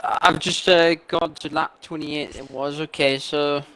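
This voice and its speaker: A man's voice: on the high side, fairly even intonation, unhurried, bright, forceful tone, slight background noise. A man co-commentating a sim race, analytical and a little puzzled as he checks replays. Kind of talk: live sim racing commentary.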